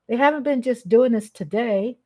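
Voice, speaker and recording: A woman's voice: fairly high pitch, normal speed, darkish tone. Blunt, emphatic woman vlogger. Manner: blunt and emphatic, with casual swearing. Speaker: live-stream vlog host. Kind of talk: unscripted live commentary.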